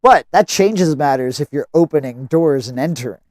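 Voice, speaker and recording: Male game master, slightly higher register, dry recording, deliberate narration. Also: lively intonation, a little mellow, dry recording. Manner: deliberate, rules-focused.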